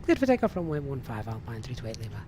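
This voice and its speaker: A man flying an airliner simulator live, giving brisk procedural cockpit callouts and commentary. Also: mid-range voice, very animated, a little mellow, a little hiss or hum.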